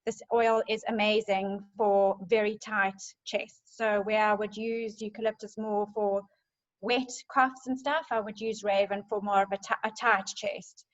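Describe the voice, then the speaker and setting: A South African woman presenting on essential oils talks through her topic in a casual group presentation, chatty and enthusiastic with many little ums. She's unhurried, her pitch fairly level and even. The audio is dull and lo-fi, like an online call.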